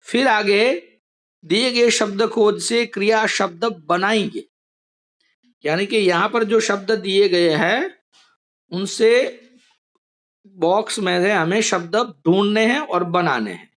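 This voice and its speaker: A man's voice: high voice, slow, pauses often, fairly bright tone. A man teaching an online class, patiently explaining step by step over a video call.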